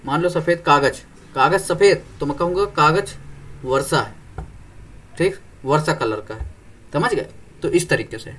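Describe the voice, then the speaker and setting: A young man teaching an exam-prep reasoning lesson, explaining step by step and often asking whether students follow. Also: a little high. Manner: explains step by step, keeps checking "clear?".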